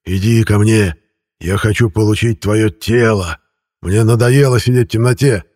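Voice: a man putting on a croaking, gloating ghost of a bald old man. Style: audiobook character. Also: on the low side, moderate pace, a little mellow, no room sound, studio quality, lightly acted. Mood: hungry. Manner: gloating, menacing.

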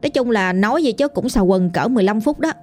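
A woman's voice: medium pitch, expressive, fast, a little mellow, faint music behind. A woman with a Southern Vietnamese accent narrating a ghost story in a chatty, colloquial way, addressing the listener directly.

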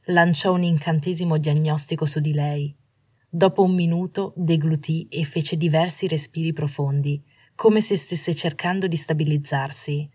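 Woman narrator, deep voice, measured storytelling, dry close sound. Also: fairly even intonation, a little mellow, slightly rough, no room sound. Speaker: reader. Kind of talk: scripted narration.

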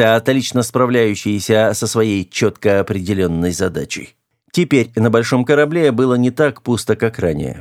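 A man reading an audiobook in measured scripted narration. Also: on the low side, darkish tone, dry recording, studio quality.

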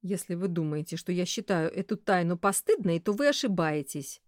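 A woman voicing a brusque, rough-spoken male commercial director in an audiobook, with a lively, expressive delivery. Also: on the low side, moderate pace, no echo, studio quality, lightly acted. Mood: gruff. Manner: indignant, rough.

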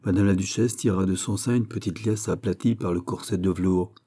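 A man reading a classic novel aloud as narrator, in an even, deliberate storytelling manner. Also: deep voice, husky. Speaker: audiobook narrator. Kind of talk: scripted literary narration.

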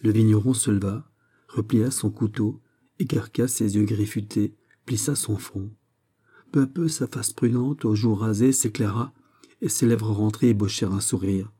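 A man reading a literary short story aloud in a measured, even narration. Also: on the low side, breathy edge. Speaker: audiobook reader.

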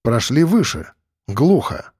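Male audiobook narrator, lively expressive reading, dry close mic, wry. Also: medium pitch, slow pace, breathy edge, no room sound. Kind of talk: first-person audiobook narration.

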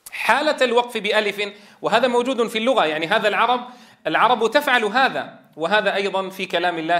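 A man's voice: high-pitched, bright, forceful tone. A man teaching a Quran recitation lesson, explaining patiently, repeating key phrases and drawing out vowels to demonstrate. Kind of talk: tajweed lesson.

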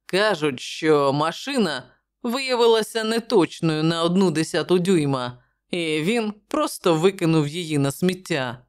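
A woman's voice: lowish voice, animated, unhurried, clean tone. A woman voicing a jovial, wry male journalist who talks in a bantering way.

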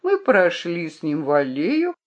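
A man's voice: on the high side, huge pitch swings, a little slow, highs cut off. A reader voicing a young male gardener who speaks bluntly and directly, without preamble. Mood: explaining.

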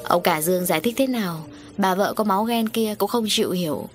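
A woman reading a story aloud as an audiobook narrator, in a steady storytelling voice. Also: medium pitch, fairly quick, faint music behind.

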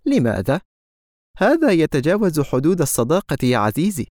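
A man's voice: fairly high pitch, lively intonation, fairly quick, darkish tone, no room sound, clean studio sound, voice pushed up, close to an everyday voice. A man reading an audiobook, voicing a guarded, teasing young woman with a mocking manner. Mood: sarcastic. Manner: sarcastic, mocking.

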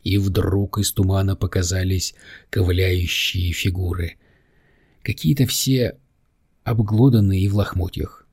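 A man narrating an audiobook in a steady storytelling manner. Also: deep voice, a little slow, slightly rough, no room sound, clean studio sound.

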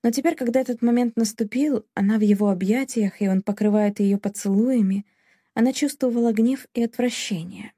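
A woman's voice: a little high, brisk, warm tone, husky, no room sound, studio quality. A woman narrating a novel as an audiobook, in a dramatic storytelling manner. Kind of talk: scripted narration.

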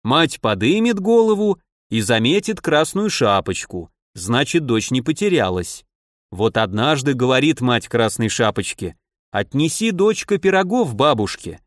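A man reading a gruff, wry man dressed as Grandfather Frost who tells the children a tale in a dry, drawling way. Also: medium pitch, big pitch swings, measured pace, no room sound.

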